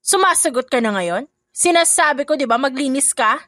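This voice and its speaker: A spiteful stepmother in a narrated audio drama, bossy and scornful, as a woman puts her on. The voice sits a little high and sounds close and dry, with no room around it. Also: animated, normal speed, no room sound. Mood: scolding. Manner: sharp, scornful, sugary when on calls. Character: scheming two-faced stepmother, sweet on phone.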